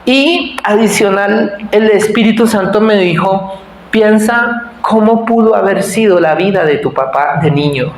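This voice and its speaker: Man in his forties, pastor, conversational sermon, high-pitched, roomy church echo. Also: a little slow. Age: 40s. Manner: conversational, self-deprecating, asks the congregation to answer. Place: church hall. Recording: echoey church hall.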